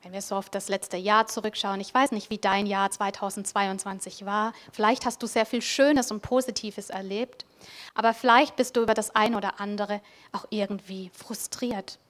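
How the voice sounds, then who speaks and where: A woman preaching a Christmas devotional in a quiet, reflective way. She speaks straight to the listener and often sinks into a soft, breathy near-whisper at the end of her thoughts. Her pitch sits in an ordinary middle range. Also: fairly even intonation, normal speed.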